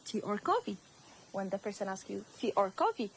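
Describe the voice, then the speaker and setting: A woman teacher with an Ethiopian accent, whose first language is Amharic, gives a slow, repetitive English lesson to young students. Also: medium pitch, sing-song, a little hiss or hum, rough recording. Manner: slow, repeats words, addresses students.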